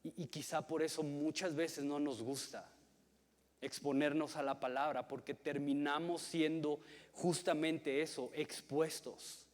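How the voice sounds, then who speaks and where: A man's voice: a little high, fairly even intonation, a little slow. A man in his thirties with a Mexican accent preaching a sermon as a pastor, earnest, often repeating a word as he starts a phrase. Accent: Mexican Spanish. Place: church hall. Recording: long reverb of a large hall.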